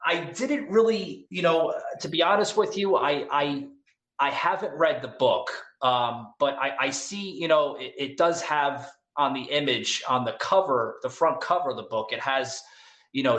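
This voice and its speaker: A man of middle pitch hosting a podcast, chatting casually with his guest. He talks hesitantly, with fillers and restarts. His voice rings in a roomy, echoey space. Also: fairly bright tone. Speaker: podcast host. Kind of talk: casual interview chat. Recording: echoey room.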